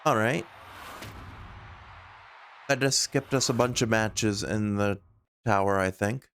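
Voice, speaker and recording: A man with a fairly low voice commentates as he plays a video game. He talks casually and conversationally, thinking aloud like a streamer. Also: slow, a bit bright, a little hiss or hum.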